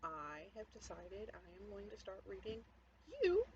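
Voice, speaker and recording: A woman author casually introduces a reading of her own fiction from home, speaking unhurriedly in an animated, mid-range voice. The lo-fi recording sounds dull, with noticeable background noise.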